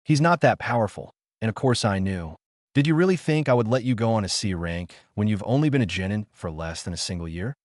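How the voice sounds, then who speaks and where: A man reading the lines of a calm adult ninja teacher, dry and matter-of-fact. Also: fairly low pitch, a little fast, dry recording, natural voice.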